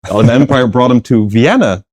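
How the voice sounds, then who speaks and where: A middle-aged man, a plant philosopher appearing as an interview guest, gives long conversational answers in a medium-pitched, slightly dark voice with lively intonation and a fast pace. He's thoughtful, uses lots of fillers and restarts, and laughs lightly now and then. The studio recording is clean, with no room sound.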